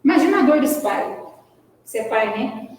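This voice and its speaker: A woman's voice: high voice, animated, moderate pace, a little mellow. A woman giving a spiritist lecture, telling a story with emotion and speaking directly to her listeners. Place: spiritist centre hall. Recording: echoey hall from far off.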